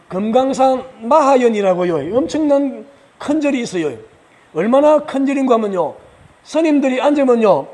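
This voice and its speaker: A man giving a lively lecture at a religious retreat, asking questions of the audience, answering them himself and chuckling as he goes. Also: very high-pitched. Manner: chuckles often while he explains.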